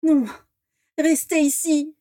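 A woman voicing a desperate young woman who pleads tearfully in a high voice, in a dry recording. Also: little pitch movement, slow pace, dark tone, no echo. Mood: pleading.

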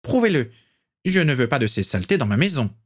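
A man puts on an old aristocratic witch who speaks from well above his own voice, imperious and condescending. Her lines swoop and rise with lively disdain in this audiobook reading. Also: mid-range voice, brisk, voice pushed up. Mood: haughty.

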